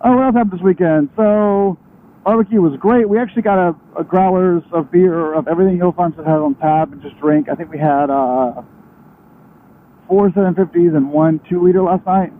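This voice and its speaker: A man's voice: sits high, moderate pace, slight background noise. A young man chatting casually and in a rambling way while riding a motorcycle, his voice muffled inside a helmet. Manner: rambling, conversational, self-interrupting. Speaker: motorcycle vlogger. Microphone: helmet microphone. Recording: thin radio-like sound inside a helmet.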